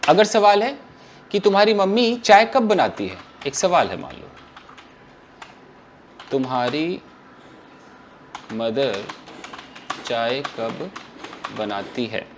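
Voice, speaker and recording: Male English teacher, very animated delivery, faint background noise. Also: fairly high pitch, slow, pauses often. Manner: animated, questioning the class and answering himself. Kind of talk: classroom grammar lesson.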